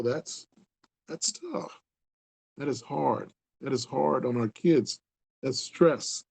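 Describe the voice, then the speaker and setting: Talking loosely to camera, an earnest older community leader in his sixties with an Upper Midwest American accent repeats points for emphasis. His fairly high voice is gravelly with a darkish tone, and the audio quality is poor.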